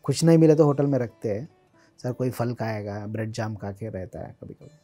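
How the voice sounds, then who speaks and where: Male interview guest, mellow tone, chatty anecdotal delivery, light English mixing. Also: on the low side, normal speed, faint music behind. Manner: chatty, mixes English words, laughs while recalling. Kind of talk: casual personal storytelling.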